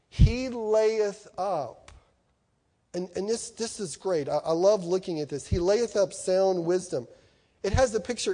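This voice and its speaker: Male preacher, middle-aged, animated sermon, high voice, mellow tone. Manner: animated, acts out quoted voices, swings between loud and soft. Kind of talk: sermon to students.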